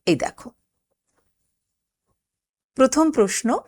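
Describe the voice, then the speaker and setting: A woman's voice: high voice, slow. A woman teacher with a Bengali accent, explaining a poem to school students and reciting its lines with feeling. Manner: expressive, lingering over recited lines. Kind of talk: poetry lesson for school students.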